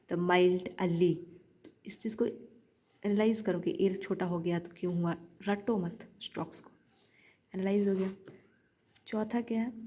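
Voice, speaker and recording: In a casual vlog, a young woman who is learning shorthand coaches viewers with chatty practice tips, repeating her points as she goes. Her medium-pitched voice sounds mellow, and the highs are cut off.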